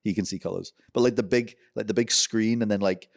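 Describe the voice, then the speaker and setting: A man's voice: fairly low pitch, fairly even intonation, brisk, gravelly. A man co-hosting a podcast, riffing jokily in loose, casual chat. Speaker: podcast co-host.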